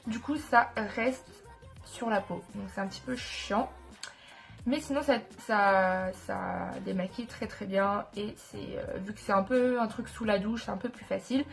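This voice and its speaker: A woman's voice: medium pitch, measured pace, creaky, faint music behind. A woman with a congested, nasal voice from a stuffy nose, chatting casually and enthusiastically as a beauty vlogger, often correcting herself as she goes. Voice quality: nasal, blocked-up sound. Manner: informal, enthusiastic about products, self-correcting. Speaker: beauty vlogger presenting skincare products. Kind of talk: casual chat to viewers.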